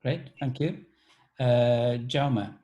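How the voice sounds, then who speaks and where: A man's voice: mid-range voice, extremely slow, mellow, muffled recording. A man hosting an alumni talk over a video call, casually inviting each former student to introduce themselves.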